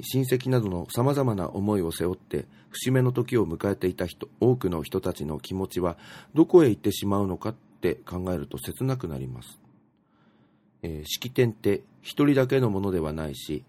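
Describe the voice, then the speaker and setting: A man with a lowish voice talks in an easygoing, musing way. He reads out passages and posts, then wanders through his thoughts on them with plenty of pauses and fillers. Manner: relaxed, musing, many fillers and asides. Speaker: radio host reading out tweets. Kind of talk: casual talk show reading.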